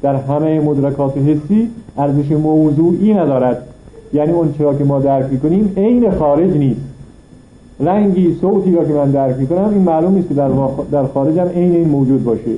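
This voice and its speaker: A man's voice: fairly high pitch, echoey room, narrow, tinny audio, a little hiss or hum. A man teaching a philosophy lesson, reading passages from a text and explaining them point by point with rhetorical questions. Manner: reads Arabic passages then explains them in Persian. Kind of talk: classroom lecture reading and explaining an Arabic text.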